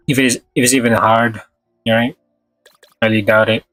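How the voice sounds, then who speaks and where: The streamer's medium-pitched voice is flat and a bit bright, moving at a moderate pace. No room sound is audible, just faint background music, while he chats casually over his game in hesitant, fragmentary thoughts.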